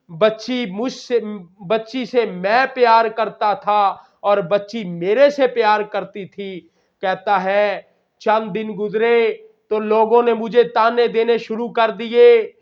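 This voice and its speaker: High-pitched, slow-preaching man. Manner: impassioned, retelling stories with dramatic quotes. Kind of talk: Friday sermon storytelling. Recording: dull lo-fi recording.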